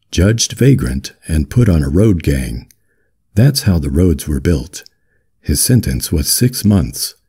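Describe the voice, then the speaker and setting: A man reads literary fiction as an audiobook narrator in a calm, firm, deep voice with a husky edge. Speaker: audiobook reader.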